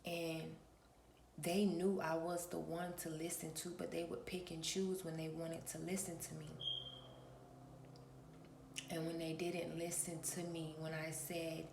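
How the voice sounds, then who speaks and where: A spiritual reader and channel host talks to her viewers in a casual early-morning vlog, preaching to them in a slow, flat way. Her low voice is raspy and gravelly, as if she just woke up, and she frequently stops to clear her throat. There's echo in the room and a soft hiss behind her.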